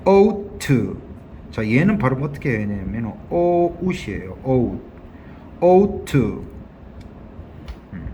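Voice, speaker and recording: A man teaching an English vocabulary lesson, drawing words out slowly and checking in with questions as he drills pronunciation. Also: fairly low pitch, darkish tone, a little hiss or hum. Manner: slow, drawn-out word-by-word drilling with frequent checking questions.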